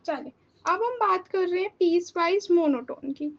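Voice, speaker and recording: A woman explains a math lecture step by step, pausing to check that students follow. Her voice sits very high, and the recording sounds dull and lo-fi. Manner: explains step by step, often checking with a questioning "theek hai?". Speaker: math tutor. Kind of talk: chalkboard-style math lecture.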